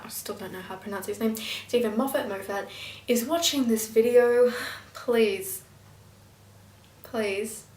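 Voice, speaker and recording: Excitable young woman rambling in a roomy echo. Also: mid-range voice, recorded from a distance. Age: young, still in school. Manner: rambling and excitable, with frequent fillers and asides. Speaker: fan reviewer. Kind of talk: casual chatty review vlog. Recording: roomy echo, voice a little off-mic.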